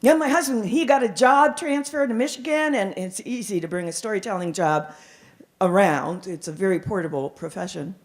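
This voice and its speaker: A middle-aged woman performing as a live storyteller, with dramatic, deliberate phrasing and frequent repetition. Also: mid-range voice. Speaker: professional storyteller.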